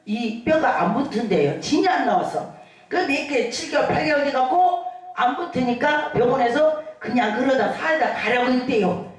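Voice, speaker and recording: A woman pastor preaching a lively sermon, calling out hallelujahs and acting out the people in her stories. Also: sits high. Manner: animated preaching with shouted hallelujahs and acted-out quotes. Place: church hall. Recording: echoey hall from far off.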